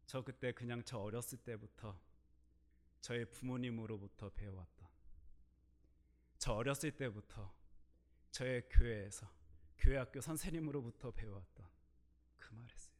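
A middle-aged male pastor preaching a sermon, telling a personal story and swinging between quiet asides and loud, emphatic bursts. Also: mid-range voice, normal speed, pauses often.

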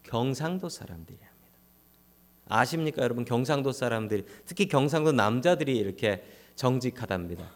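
A man's voice: mid-range voice, animated, a little fast. A man preaching a humorous Sunday sermon as pastor, speaking directly to the congregation and acting out quoted voices.

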